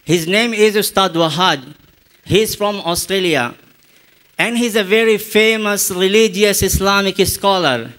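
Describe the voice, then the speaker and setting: A man with an Indian English accent, teaching a spoken English lesson with slow, deliberate explanations and repeated examples. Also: sits high, a bit bright.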